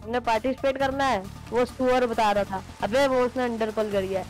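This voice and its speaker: Very high-voiced man mocking newcomers. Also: steady tone, moderate pace, soft background music. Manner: threatening, mocking tone toward newcomers. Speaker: rival gang player on a game server. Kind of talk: casual gaming voice chat.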